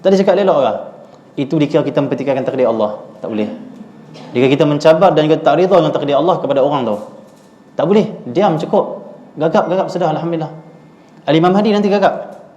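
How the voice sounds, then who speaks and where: A man's voice: a little high, fast talker. A man giving a lecture in a mosque, telling stories and acting out the voices of the people in them. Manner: animated storytelling, acts out quoted voices. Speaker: religious teacher. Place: mosque hall. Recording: echoey, muffled mosque recording.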